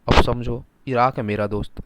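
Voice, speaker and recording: A man giving a casual, animated lecture, mixing Hindi and English, asking his students rhetorical questions. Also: mid-range voice, moderate pace, very noisy. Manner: animated, talks in first person as a country, rhetorical questions. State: sore throat. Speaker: teacher.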